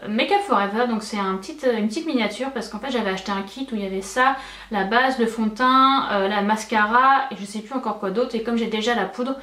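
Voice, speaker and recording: A woman's voice: on the high side, brisk, pushed and bright. A young woman beauty vlogger chatting casually and enthusiastically, with many fillers. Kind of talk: casual chat. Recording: echoey room, mic at a distance.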